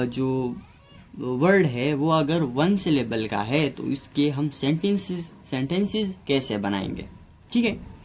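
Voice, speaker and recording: Guy teaching grammar, slow and deliberate, stretches words out syllable by syllable, voice a bit on the high side. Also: darkish tone. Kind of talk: classroom grammar lesson.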